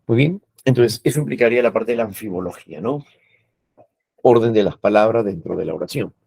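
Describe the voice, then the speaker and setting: A low, gravelly-voiced man lecturing as a teacher. He explains patiently, with a husky, dark tone. The sound is dry and close. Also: a little fast, dry recording. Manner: explains patiently with frequent "¿no?" and "eh" tags.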